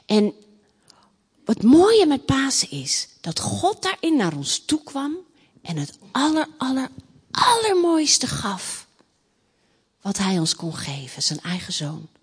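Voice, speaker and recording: A woman reading a rhyming children's story aloud in an expressive, sing-song way, then speaking to a church gathering. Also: high voice, slow pace, pauses often, slightly rough. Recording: long hall reverb.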